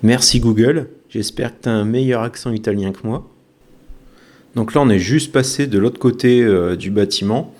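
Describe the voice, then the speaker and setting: In a slightly mellow, medium-pitched voice at a moderate pace, a YouTube vlogger offers relaxed walk-and-talk commentary, chatting with viewers and cracking wry jokes.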